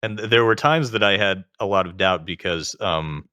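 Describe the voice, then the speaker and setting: A man with a very low-pitched voice edged with vocal fry, speaking as a guest in a conversational interview. His tone is forceful and bright, and the sound is close and dry. He explains things in a measured way, adding qualifications as he goes. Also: dry recording. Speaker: interview guest, self-taught singer.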